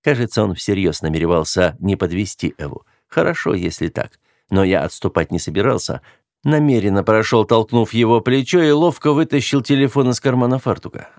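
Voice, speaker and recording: A man's voice: fairly low pitch, expressive, brisk, darkish tone, no room sound, studio quality. A man narrating a first-person audiobook in an earnest, confessional way.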